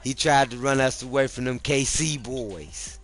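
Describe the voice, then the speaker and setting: A man's voice: mid-range voice, unhurried. A man streaming a football video game, chatting casually and talking trash in slang. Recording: music playing loud behind.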